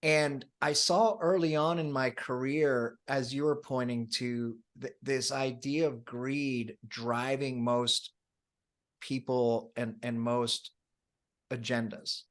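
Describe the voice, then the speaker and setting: A man speaks as an interview guest, earnest and open. He often stumbles over the start of a thought and repeats his first words before going on. His pitch sits in the middle of the usual range for a man. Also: fairly even intonation, takes it slowly. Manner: earnest, with frequent stammered restarts. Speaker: coach and guest. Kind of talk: conversational interview.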